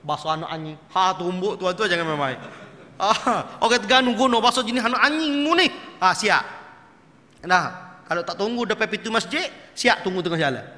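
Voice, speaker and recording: A middle-aged man giving a mosque sermon, telling lively stories and acting out his teachers' voices. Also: high voice, normal speed. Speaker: religious teacher. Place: mosque prayer hall. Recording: echoey hall.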